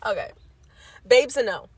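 A woman's voice: fairly high pitch, sing-song, slow pace, bright, forceful tone, slightly rough. A young woman co-hosting a casual chat, playful and giggly, full of slang. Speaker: co-host. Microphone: camera.

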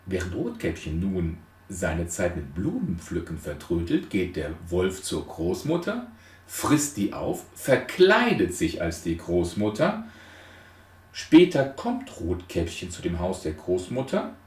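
Retelling a fairy tale in an explanatory lecture, a transactional analysis lecturer speaks slowly in a deep, darkish voice with wildly swooping pitch. He sets out numbered points emphatically and poses rhetorical questions, recorded in an echoey room from a distant microphone.

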